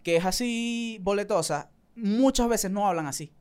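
A young Venezuelan man talking as a podcast guest, relaxed and slangy, laughing easily. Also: high-pitched, normal speed, clear, resonant tone. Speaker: podcast guest, street vendor and content creator. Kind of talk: casual conversation.

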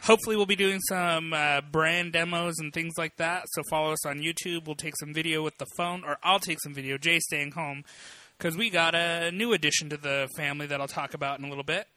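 A man's voice: a little high, fairly even intonation, brisk, few pauses, pushed and bright, no echo. A man co-hosting a podcast in casual chat, rambling with lots of fillers. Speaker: podcast co-host.

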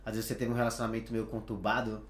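A man with a Brazilian Portuguese accent hosting a podcast, chatty and quick to laugh, using casual slang. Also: lowish voice, level tone. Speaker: podcast host. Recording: echoey room.

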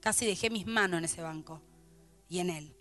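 A middle-aged woman pastor with a Rioplatense Argentine accent, telling funny stories to her congregation in an animated sermon. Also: on the low side, normal speed, soft background music. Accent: Rioplatense Spanish. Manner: animated storytelling, playful asides to the congregation. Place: church before a live congregation.

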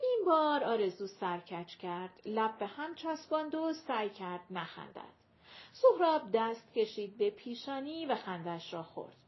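High-voiced woman reading an audiobook. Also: big pitch swings, highs cut off. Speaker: audiobook narrator. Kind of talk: audiobook narration.

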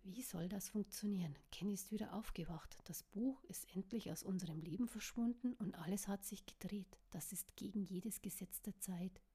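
A woman voicing a smooth, charming young man. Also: high-pitched, moderate pace, few pauses. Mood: secretive. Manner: hushed, half-whispered.

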